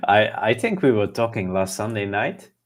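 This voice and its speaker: Co-host, man, low voice, easygoing and casual. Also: expressive, normal speed. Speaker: livestream co-host. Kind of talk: casual livestream chat.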